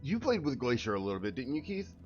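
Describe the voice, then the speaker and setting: Lively-voiced easygoing male streamer. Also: medium pitch, fast, muffled recording, faint music behind. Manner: laughs often, easygoing. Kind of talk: casual gameplay chat.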